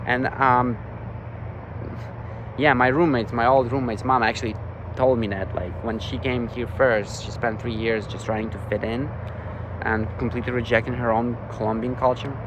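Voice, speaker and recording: A young vlogger from Ukraine with a European accent rambles casually through an update, peppering his speech with "like" and "you know." His voice is medium-pitched and steady at a moderate pace, with some background noise.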